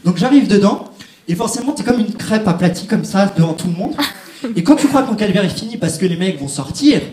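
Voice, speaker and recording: Speaking fairly quickly with lively intonation, a young comic whose voice sits fairly high for a man chats directly with the audience in a large theatre. His stand-up set echoes around the room, with background noise audible.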